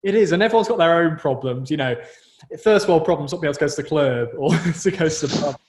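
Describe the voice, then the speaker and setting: Young man, southern English British accent, slightly high voice, chatty and slangy, podcast co-host, roomy echo. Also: fast, a little mellow, slight background noise. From southern England. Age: young adult. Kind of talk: casual football chat. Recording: roomy, echoey sound.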